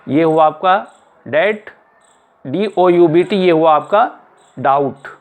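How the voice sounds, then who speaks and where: A male teacher giving an explanatory lesson, spelling words out letter by letter and repeating them slowly. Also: a little high. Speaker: English teacher.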